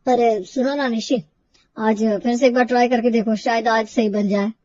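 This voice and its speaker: A woman voicing a gentle, coaxing young husband. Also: fairly high pitch, fairly even intonation, moderate pace, recorded from a distance, muffled recording, close to an everyday voice. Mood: placating. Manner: soft, coaxing and placating. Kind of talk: storybook cartoon voice acting.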